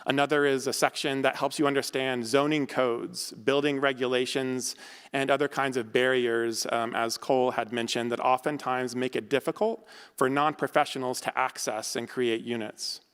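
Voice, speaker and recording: A man's voice: mid-range voice, steady tone, moderate pace, fairly bright tone, clean tone. A man giving a conference talk as an academic researcher, conversational, with frequent fillers and self-corrections. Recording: long hall reverb.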